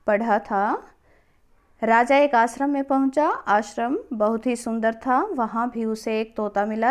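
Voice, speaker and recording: A woman teaching a lesson to young children, patiently repeating each question and answer for the class. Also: a little high. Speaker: primary school teacher.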